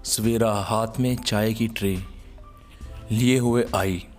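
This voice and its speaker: A man narrating an emotional moral story in a slow, sorrowful storytelling manner. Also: fairly low pitch, steady tone, soft background music.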